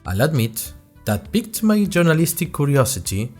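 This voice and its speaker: His voice sits a little high and moves at a moderate pace, with soft music underneath. The man plays a curious young student journalist hosting a fictional podcast, narrating his escapades in a scripted, chatty, wry and expressive first-person style.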